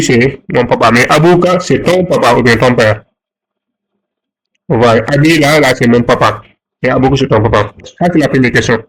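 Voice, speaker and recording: A man's voice: medium pitch, rough recording. Patient man teaching a lesson. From Senegal. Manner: patient, repeats and rephrases each point. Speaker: Arabic teacher. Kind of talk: online lesson explaining exercises.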